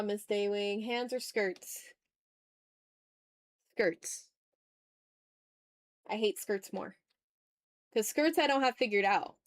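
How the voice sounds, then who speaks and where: Recorded at studio quality with no echo, a woman with a mid-range voice hosts an art livestream. She's an illustrator who draws while bantering informally with viewers, cracking jokes and swearing a bit.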